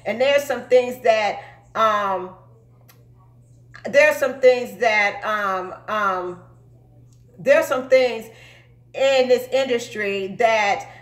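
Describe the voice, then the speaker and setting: A woman's voice: on the high side, very slow, pauses often, echoey room. A woman in her forties giving an emphatic motivational talk to viewers, often checking in with "okay?". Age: 40s. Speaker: truck driver and recruiter.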